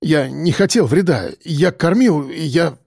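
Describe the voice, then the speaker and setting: A man's voice: a little high, lively intonation, takes it slowly, gravelly, darkish tone, slightly rough, no room sound, clean studio sound, heavily acted. A man voicing a pathetic, cowardly male kidnapper who mumbles and whines. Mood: whiny. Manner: mumbling, whiny.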